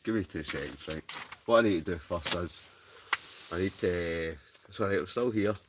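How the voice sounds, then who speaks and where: A man's voice: sits low, moderate pace, noisy background. A Scottish man chatting casually to livestream viewers in a rambling, chuckling, easily sidetracked way. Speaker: livestream host. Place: inside a tent.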